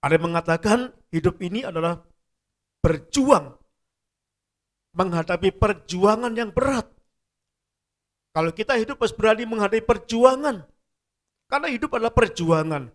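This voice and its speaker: A man's voice: sits high, expressive, normal speed, long pauses. A middle-aged man preaching a sermon as a church pastor, telling stories and repeating phrases for emphasis. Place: church service.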